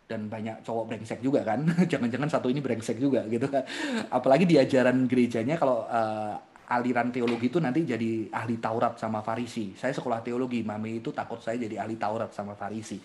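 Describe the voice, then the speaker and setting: Male speaker, 30s to 40s, mid-pitched voice, lively seminar delivery with frequent laughter. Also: fast talker, a little hiss or hum. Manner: animated, laughs often, acts out quotes. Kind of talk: seminar talk answering youth questions.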